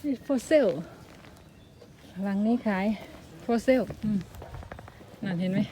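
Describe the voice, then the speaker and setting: A woman's voice: on the high side, slow pace, mellow. A chatty woman with an Isan accent narrates a walking vlog, talking to her viewers as brothers and sisters. She films outdoors in the countryside on a phone. Faint outdoor noise sits behind her voice. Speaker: vlogger.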